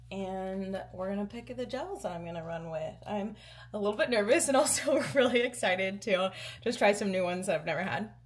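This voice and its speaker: A woman chatting casually to camera as a vlogger, in an informal, everyday way. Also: medium pitch. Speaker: running vlogger.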